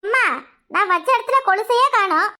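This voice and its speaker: Woman playing a very high, whiny, argumentative cartoon daughter, southern Tamil village accent. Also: brisk, sharp tone. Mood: defensive. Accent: southern Tamil Nadu village Tamil. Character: sulky talkative teenage younger daughter. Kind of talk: cartoon voice acting.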